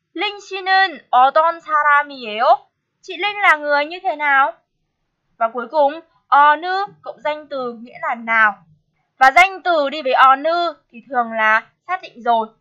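A woman's voice: sits high, sharp tone, lo-fi sound. A woman teaching a language course, patiently explaining grammar and asking her students check questions.

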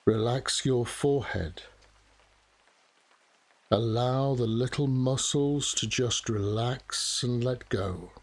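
Slow, soft-spoken man guiding meditation. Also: mid-range voice. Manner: soft, soothing, measured delivery with long pauses. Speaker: guided meditation narrator. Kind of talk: guided relaxation meditation narration. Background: steady rain.

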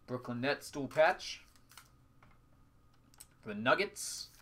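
A man's voice: medium pitch, lively intonation, slow, fairly bright tone. A man hosting a live trading card break, calling out items in short, clipped announcing phrases. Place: indoors at a tabletop with a display backdrop.

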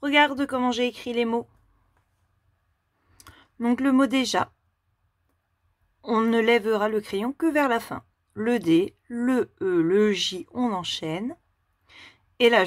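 Slow, patient woman teaching handwriting. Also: medium pitch, dry recording, clean studio sound. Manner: slow, step-by-step instructions addressed to a child. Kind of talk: handwriting lesson for young children.

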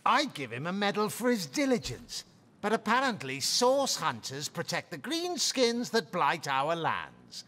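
An actor playing a haughty, sardonic guard captain who sounds disdainful, in a fantasy video game. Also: male voice, high-pitched, big pitch swings, unhurried, pushed and bright, exaggerated voice.

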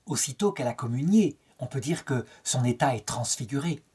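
A man's voice: medium pitch, animated, brisk, darkish tone, husky. A middle-aged French man giving a spoken lecture on a saint's life, telling it as a story and lifting his tone to quote the people in it. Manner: storytelling, quotes dialogue with lifted tone.

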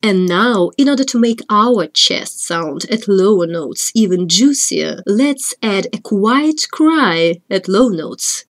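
Calm woman vocal coach giving instructions. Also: medium pitch, takes it slowly, hardly any pauses, soft background music. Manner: calm, guiding, step-by-step.

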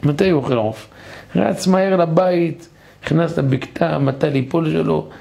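A man, a rabbi, giving a sermon in a synagogue and telling a parable with animated delivery. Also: on the high side. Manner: animated storyteller, gravelly. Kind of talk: sermon with storytelling.

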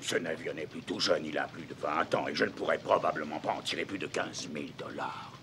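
An actor playing an excitable, blustering older ship's captain in a French film dub, spluttering and exclamatory. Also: male voice, a bass voice, a little fast, background noise. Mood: confiding.

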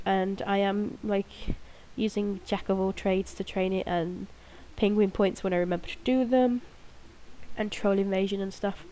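A young woman, alone in her room at night, narrates her gameplay in a warm, mid-range voice while fighting a cold and a stuffed-up nose. She's a gaming video creator, and her casual commentary rambles along, giggly and full of jokes at her own expense.

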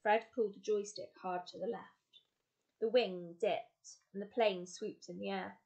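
A woman's voice: mid-range voice, unhurried, gravelly. Woman teacher reading a storybook aloud. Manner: steady narration with small self-corrections. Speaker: teacher reading a children's novel.

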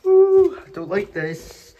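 A man's voice: extremely high pitch, huge pitch swings, slow, mellow, muffled recording, slight background noise. Jumpy young man exploring ruins. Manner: jumpy, muttering to himself, easily spooked. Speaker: urban explorer vlogger. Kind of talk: nervous walking commentary. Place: outdoors and in a derelict building.

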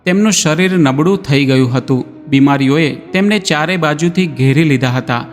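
Guy reading a moral story, measured, slightly high voice, big reverb + music. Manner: measured, addresses listeners as friends. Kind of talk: scripted moral-story narration. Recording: long reverb, background music.

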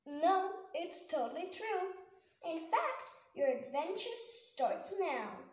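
A woman voicing a cheerful young female fairy from a storybook, bright and excited. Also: very high-pitched, takes it slowly, exaggerated voice. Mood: cheery. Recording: echoey room.

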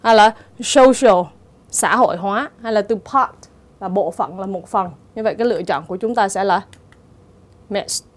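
A woman's voice: mid-range voice, normal speed. A woman teacher going through English exam answers step by step, in a methodical way. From Vietnam. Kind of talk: exam answer walkthrough lesson.

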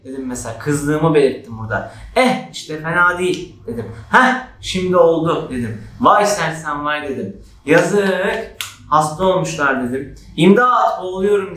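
A man teaching a grammar lesson for exam prep, lively and acting out example shouts. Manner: lively, acts out example shouts with raised pitch. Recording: echoey room.

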